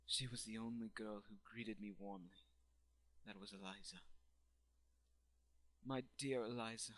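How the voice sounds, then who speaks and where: A man's voice: mid-range voice, fairly bright tone, dry recording, lightly acted, poor audio. A man playing a grieving, obsessed doctor turned necromancer in a theatrical, brooding anime fandub monologue.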